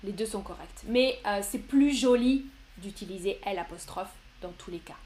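A woman's voice: medium pitch, moderate pace, warm tone. A woman teaching grammar in a live online lesson, patient and encouraging as she answers viewers one by one. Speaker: French teacher.

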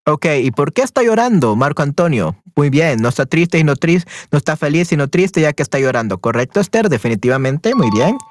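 Male language teacher, encouraging, repetitive questions, lively intonation, dry close sound. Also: fairly high pitch, dry recording. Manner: encouraging, repeats questions slowly, mixes in English glosses. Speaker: Spanish teacher. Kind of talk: language lesson with a student.

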